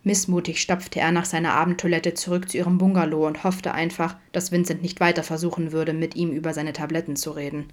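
A woman reading a fan fiction audiobook aloud in a steady storytelling manner. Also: low voice, fairly quick, hardly any pauses. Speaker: audiobook reader.

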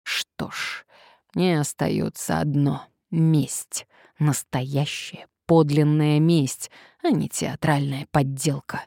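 A woman reading an audiobook, voicing a vengeful scheming male playwright who plots revenge in slow, muttered menace. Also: low voice, steady tone, vocal fry, warm tone, dry recording, clean studio sound, heavily acted. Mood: brooding menace.

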